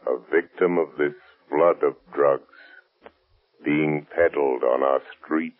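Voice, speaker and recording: The Shadow, very deep, sinister avenger. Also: male voice, fairly even intonation. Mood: taunting, ominous. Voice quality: gravelly, sinister. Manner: slow, mocking, theatrical. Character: The Shadow, menacing invisible male avenger, mocking and sinister. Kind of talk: 1930s radio acting. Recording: muffled old 1930s radio recording.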